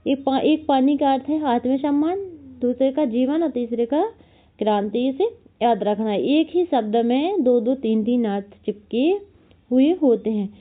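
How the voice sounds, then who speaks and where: A woman teaching a Hindi grammar lesson for exam preparation, slowly repeating definitions and examples and correcting herself. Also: high voice. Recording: tinny phone-like audio.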